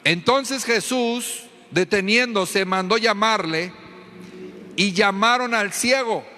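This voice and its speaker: A Mexican pastor delivers a fervent sermon, often turning to the congregation with questions. His voice sits high and sounds sharp and bright. The long echo of a church hall rings around it. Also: slow pace, a little hiss or hum.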